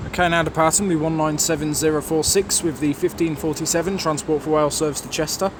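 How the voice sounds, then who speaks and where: A trainspotting video maker gives casual, off-the-cuff commentary on trains, dropping grumbling, sarcastic asides. He speaks quickly in a slightly high, steady voice on a large railway station concourse or platform, with noisy station ambience around him.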